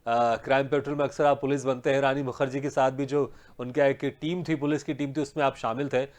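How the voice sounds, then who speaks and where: A man's voice: mid-range voice, level tone, brisk. A male TV host asking long, rambling questions full of repeated words, laughing and encouraging his guest. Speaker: host, interviewer. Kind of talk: TV interview.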